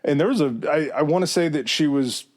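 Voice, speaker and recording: A man's voice: fairly high pitch, a little fast. Man telling a story on a podcast. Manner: relaxed storytelling with fillers and asides. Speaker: podcast host. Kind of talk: casual chat.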